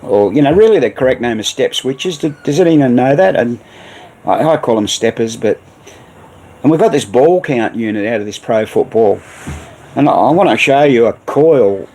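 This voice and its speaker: A man's voice: medium pitch, animated, moderate pace, mellow, rough recording. An Australian man hosting a casual livestream about repairing old pinball machines, rambling with many fillers. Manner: rambling, reads viewer messages aloud.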